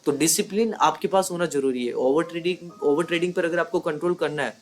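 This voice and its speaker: A man's voice: on the high side, fast talker. A man teaching as a trading mentor, talking in a conversational way and often checking in with his listeners. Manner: conversational, repeats points with rhetorical checks. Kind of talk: explanatory lesson.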